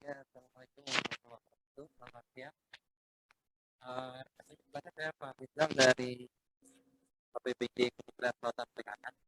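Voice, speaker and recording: A man's voice: mid-range voice, fairly even intonation, fairly quick, pauses often. A man joining an online session, his audio choppy and crackling as it breaks up, politely checking whether he can be heard. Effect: choppy, crackling online call audio that keeps breaking up. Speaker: webinar participant asking a question. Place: remote online call.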